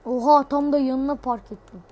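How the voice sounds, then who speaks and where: A woman giving excitable gameplay commentary, swearing playfully and shouting sudden exclamations. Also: high-pitched, normal speed. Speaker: gamer.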